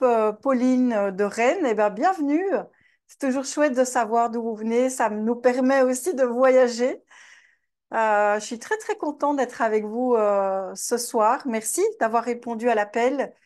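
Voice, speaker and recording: A woman from Belgium with a Belgian French accent, hosting a live online master class. She talks in a chatty way, greets attendees by name and fills her pauses with hesitations. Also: a little high, a little mellow. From Belgium, Namur region. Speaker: webinar host and trainer.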